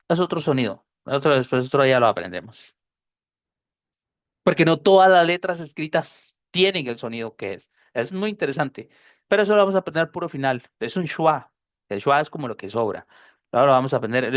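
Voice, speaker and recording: Teacher, animated and expressive, drills pronunciation by repeating words slowly, dry close sound. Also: medium pitch, dry recording. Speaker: English teacher. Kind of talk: online pronunciation lesson.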